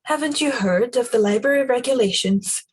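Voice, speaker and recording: Lady putting on a stuffy middle-aged clerk guy, pedantic about rules, kinda breathy. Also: on the high side, normal speed, voice pushed up, poor audio. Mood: indignant. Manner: pompous, stickler for rules. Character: fussy middle-aged male town clerk.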